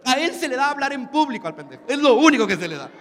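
A man's voice: very high voice, very animated, very fast, fairly bright tone. A man with a Mexican accent giving a live motivational talk. He speaks emphatically, throws questions at the audience and uses crude slang. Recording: long hall reverb, faint ambience.

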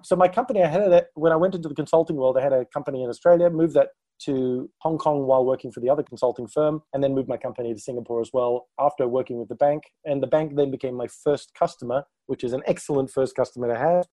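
Mellow-voiced man telling his career story. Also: mid-range voice, fast, few pauses, no echo. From Malaysia. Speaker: guest speaker. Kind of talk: interview conversation.

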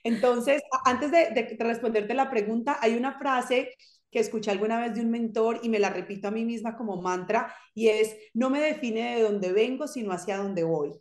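A woman's voice: fairly high pitch, moderate pace, a little mellow, reverberant. A Colombian woman with a Colombian accent, a podcast guest talking in a casual interview, upbeat, emphatic and reflective.

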